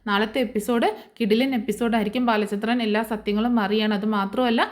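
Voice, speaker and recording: A woman's voice: medium pitch, fairly even intonation, a little fast. A woman casually retelling a TV serial episode in a chatty way, adding friendly tag words to her sentences. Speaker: serial recap storyteller.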